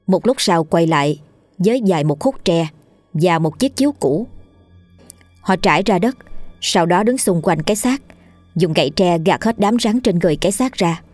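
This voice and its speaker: A woman with a low voice reads a horror tale in a steady, measured way. The recording is dry and close, with soft background music. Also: dry recording. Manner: steady storytelling. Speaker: narrator. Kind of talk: scripted horror story narration.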